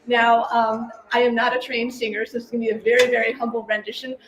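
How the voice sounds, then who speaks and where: A woman's voice: a little high, little pitch movement, quick pace, noisy background. A bubbly woman leading a live laughter meditation session, often laughing as she talks to the group. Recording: echoey room with a live crowd.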